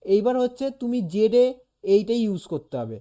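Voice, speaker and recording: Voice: mid-range voice, very animated, moderate pace, dark tone. A teacher giving a casual one-on-one lesson, explaining patiently, saying sounds aloud to demonstrate and often checking in with "okay?". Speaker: animation teacher.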